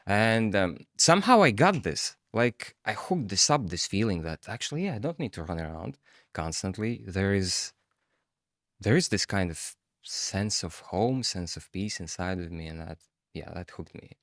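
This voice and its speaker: A man's voice: low voice, very animated, normal speed, a bit bright, dry recording, studio quality. A man, co-hosting a podcast and talking reflectively, with hesitant fillers. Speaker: podcast co-host. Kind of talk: casual podcast chat.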